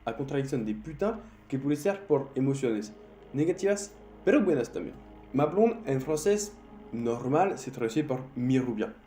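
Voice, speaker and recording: This man's voice sits in the middle range with a dark tone. He's a French teacher running a Spanish slang vocabulary lesson in non-native Spanish, slowly repeating each word as a drill. Faint music and a roomy echo fill the recording.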